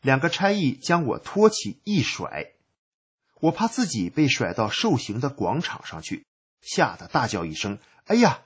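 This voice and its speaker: A man's voice: mid-range voice, sing-song, measured pace, breathy edge. A man narrating a first-person story in a plain recounting manner.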